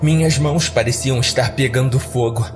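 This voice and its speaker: A man with an average-pitched voice narrates a horror story at a moderate pace for a scripted podcast. His delivery is dramatic, and music runs clearly beneath him.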